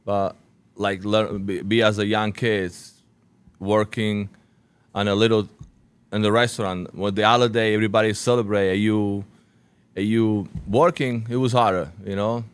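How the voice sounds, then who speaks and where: A man in his forties from Sicily, a restaurant owner being interviewed, speaking halting English with a Sicilian Italian accent and many restarts. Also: on the low side, steady tone, clean tone, no echo. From Sicily, Italy. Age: 40s. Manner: halting non-native English with frequent restarts.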